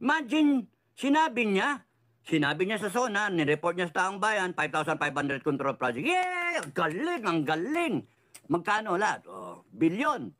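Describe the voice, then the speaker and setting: A fired-up middle-aged man rants about politics in a high, lively voice that leaps up and down. He is sarcastic and swears freely, dropping English phrases into his talk. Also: normal speed. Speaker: political commentator. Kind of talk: heated political rant.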